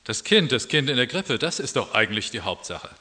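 Fabel-Ochse, schlicht und grob, ein Mann spricht ihn. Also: male voice, medium pitch, sing-song, fairly quick, sharp tone. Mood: beschämt. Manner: crude, then sheepish. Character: simple-minded ox, fond of drink and sleep.

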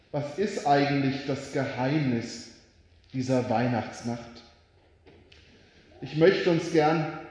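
A male pastor preaches on Christmas Eve, slow and measured, his voice sitting a little high for a man. The sound is roomy, with a long reverb trailing behind his words, like a large church. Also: darkish tone. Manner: slow, measured storytelling with voiced animal quotes.

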